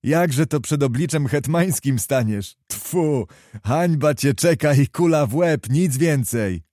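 A man's voice: on the high side, animated, takes it slowly, warm tone, no echo. Stern patriotic officer, declaiming, by a male narrator. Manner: impassioned, declamatory speech.

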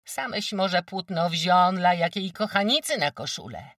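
A jeering peasant woman with a sharp tongue, as an audiobook reader puts her on, pitched high and swinging up and down as she mocks. The voice sounds dry and set back from the mic. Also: expressive, measured pace, no echo, recorded from a distance. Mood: shrieking anger. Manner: jeering, shrill, mocking. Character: mocking, foul-mouthed peasant woman neighbor. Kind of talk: audiobook character reading.

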